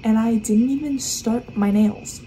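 A woman's voice: fairly high pitch, measured pace, mellow, a little hiss or hum, poor audio. A tired young woman vlogging casually at home late at night, exasperated and dramatic, peppering her talk with "like". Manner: exasperated, dramatic, heavy use of "like". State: exhausted, tired. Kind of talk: casual day-in-my-life vlog.

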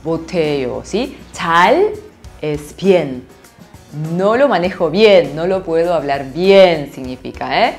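Woman w/ teaching korean, lowish voice, super expressive, faint music behind. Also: measured pace. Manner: animated, laughs often, asks "¿sí?" constantly. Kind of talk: lively online language lesson.

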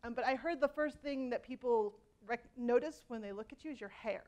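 A woman's voice: on the high side, brisk, darkish tone. A woman in her forties giving a conversational conference keynote on a hall stage, with frequent ums and restarts and a self-deprecating humor. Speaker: keynote speaker.

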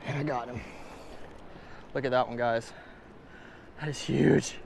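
A young man, vlogging excitedly while fishing on a riverbank, talking to viewers and repeating his exclamations. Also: medium pitch, gravelly. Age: young adult. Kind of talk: casual outdoor fishing vlog. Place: riverbank outdoors. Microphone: on-camera mic and head-mounted camera. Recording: rushing river noise outdoors.

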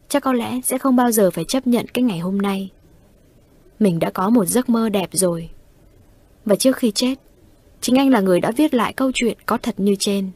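A woman storyteller reads ghost stories at an even, unhurried pace. Her voice sits at a middle pitch. It is recorded close and dry, with no echo at all. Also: husky. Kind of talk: horror story narration.

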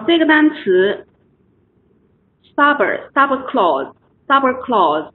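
Woman teacher drilling english words online, thin phone-like sound, faint hiss behind. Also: medium pitch. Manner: patient, repeats words for students. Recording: tinny online call audio.

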